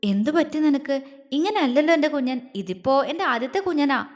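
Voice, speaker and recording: A woman's voice: high-pitched, lively intonation, fairly quick, big-room sound. Woman voicing a doting teasing husband. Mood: tender concerned. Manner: gentle and coaxing.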